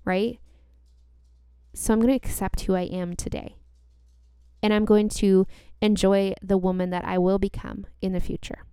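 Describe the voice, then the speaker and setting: A podcast host delivers a motivational self-help talk, addressing the listener directly with earnest emphasis and repeating key phrases for weight. Her medium-pitched voice is dark and clean, with little pitch movement, a moderate pace and long pauses. The recording is a clean studio sound with no room sound.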